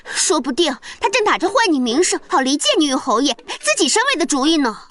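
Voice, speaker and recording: Brief: a snide, sharp-tongued maid, high, lively voice. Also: female voice, fairly quick. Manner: snide, siding with her mistress.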